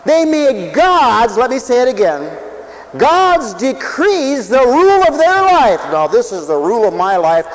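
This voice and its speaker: A man preaching a sermon, swinging between loud calls and low asides and asking the crowd questions. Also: sing-song, a little slow, lo-fi sound.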